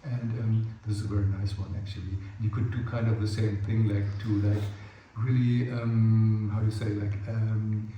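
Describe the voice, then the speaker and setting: A man's voice: on the low side, flat delivery, moderate pace, hardly any pauses, lo-fi sound. A man with German as his first language explains playfight rules to a group in a big indoor room full of mats. He rambles, uses lots of fillers, and acts out little scenes. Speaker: playfight workshop instructor. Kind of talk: casual spoken explanation of rules. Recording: distant, very echoey room with faint noise.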